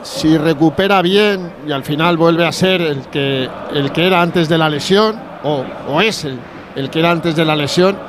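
High-voiced emphatic Spanish football pundit, male. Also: normal speed, background noise. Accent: Spanish, Spain. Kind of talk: excited match commentary and opinion.

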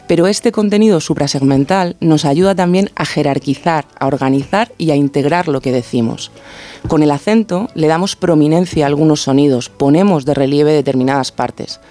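A man explains things on a radio show in a fairly high voice. He talks like a teacher, laying out points in order. Soft music plays quietly behind him. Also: normal speed. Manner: didactic, carefully paced explanations. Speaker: radio language contributor. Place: radio studio.

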